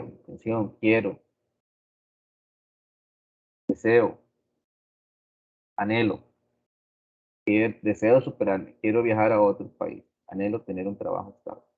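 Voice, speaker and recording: Guy teaching a grammar class, slow and deliberate, kinda low voice, sounds like a phone recording. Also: narrow, tinny audio. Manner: slow, deliberate, repeats examples. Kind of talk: grammar lesson.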